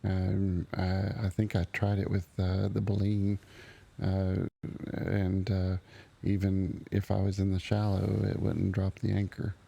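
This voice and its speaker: A man chatting casually as an in-game guide, speaking in a hesitant, halting way. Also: sits low, completely flat delivery, gravelly, mellow, husky, muffled recording. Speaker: role-play guide greeting visitors. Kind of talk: casual in-game role-play chat.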